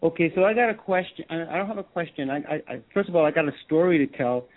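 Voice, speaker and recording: Radio call-in caller: Canadian man, a bit high-pitched, halting and repetitive, thin phone-quality audio. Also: animated. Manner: hesitant, restarts with repeated words. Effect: phone-line caller audio. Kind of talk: telling a personal story on a call-in show. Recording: tinny phone-like line.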